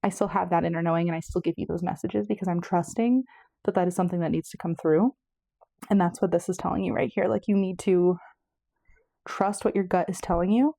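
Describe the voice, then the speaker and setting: A tarot reader's gravelly, dark, fairly low voice moves a little fast with fairly even intonation as she offers a casual pick-a-card reading. She's chatty, meandering, and self-correcting, slightly out of breath, captured in a dry studio-quality recording.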